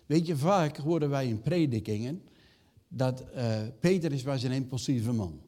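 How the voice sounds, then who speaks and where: A man's voice: mid-range voice, a little slow, mellow. An older man preaching a sermon, asking the congregation rhetorical questions and raising his voice for quoted reactions. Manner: rising emphatic acted quotes. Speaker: pastor.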